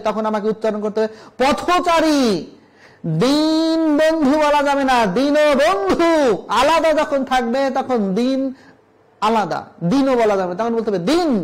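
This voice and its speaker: Male lecturer, very high voice, drills pronunciation by repeating words, talks straight to students. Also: rough recording. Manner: repeats example words to contrast right and wrong pronunciation; addresses students directly, asks rhetorical questions. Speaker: college Bengali lecturer. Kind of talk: recorded classroom lesson on pronunciation.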